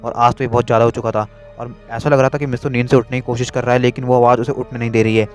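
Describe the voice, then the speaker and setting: A man narrating a spooky story in a hurried, repetitive way. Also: medium pitch, flat delivery, faint music behind.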